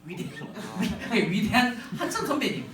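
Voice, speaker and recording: A man giving a humorous storytelling sermon to a youth retreat, animated and often addressing the audience, in a large echoey hall from a distance. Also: sits high, measured pace, crowd noise.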